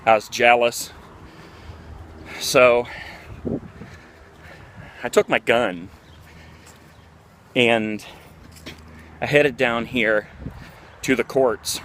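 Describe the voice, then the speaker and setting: A man in his forties rambles through candid stories as he walks outside, filling pauses with "uh" and "like." He is recorded on a handheld camera in the open air, with faint traffic and outdoor sounds behind him. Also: medium pitch, fairly bright tone. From Ohio, USA. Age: 40s. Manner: candid, rambling, with many fillers. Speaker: vlogger. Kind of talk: casual storytelling vlog. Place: outdoors, walking through a neighborhood near a park.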